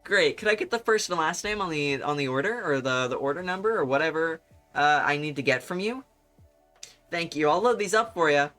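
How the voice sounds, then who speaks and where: A man's voice: fairly high pitch, animated, brisk, sharp tone, faint music behind, voice pushed up. A man putting on a stilted, overly polite store clerk voice as he greets customers. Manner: stiff, awkward, exaggeratedly courteous.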